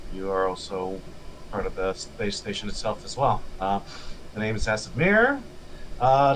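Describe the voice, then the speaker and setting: A man's voice: fairly low pitch, background noise. A man playing in a tabletop role-playing game, speaking hesitantly in character. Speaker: player. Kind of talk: casual tabletop role-play. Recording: faint room ambience.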